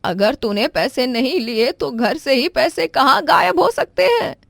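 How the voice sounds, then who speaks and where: Woman playing a suspicious mother in law, slow scolding questions, highish voice. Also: expressive, vocal fry, fairly bright tone, dry recording, full character voice. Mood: stern. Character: stern, suspicious middle-aged mother-in-law.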